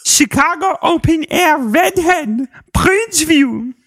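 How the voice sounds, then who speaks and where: A man's voice: extremely high pitch, lively intonation, slow pace, fairly bright tone, no room sound, studio quality, voice pushed up, exaggerated voice. A man doing a giddy sing-song Dutch boy. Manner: giggling through the reading.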